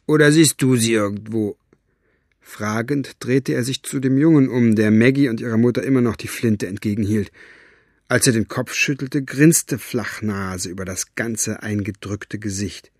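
A man's voice: on the low side, normal speed, a little mellow, no echo, clean studio sound. A man reading a novel aloud as audiobook narrator, with dramatic storytelling. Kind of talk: scripted narration.

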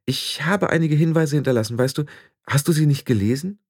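A man voicing a sensible, sharp-tongued young witch who speaks in a firm, reproachful way for an audiobook. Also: a little high, brisk, slightly rough, no echo, studio quality, voice pushed up. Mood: patient. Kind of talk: audiobook character voice.

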